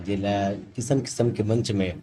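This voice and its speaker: A man's voice: fairly low pitch, steady tone, moderate pace, background noise. A man from Chhattisgarh with a Chhattisgarhi accent, a mimicry artist and stage announcer introducing himself formally and respectfully in a salon. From Chhattisgarh, India. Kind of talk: formal greeting and self-introduction.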